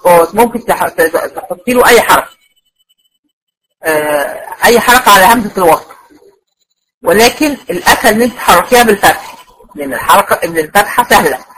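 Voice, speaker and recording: An Egyptian woman who teaches Quran recitation gives a tajweed lecture to female students, speaking with an Egyptian Arabic accent. She explains things step by step and keeps checking that they follow along. Her voice is medium in pitch, fairly bright, and husky, and the recording is low quality.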